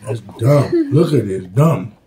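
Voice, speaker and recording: A young man talks casually at the table in an American accent. His tone is mellow and dark, recorded at home with faint noise. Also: mid-range voice, lively intonation, takes it slowly. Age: young adult. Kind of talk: casual chat over a meal. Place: small room at home. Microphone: camera at table's length.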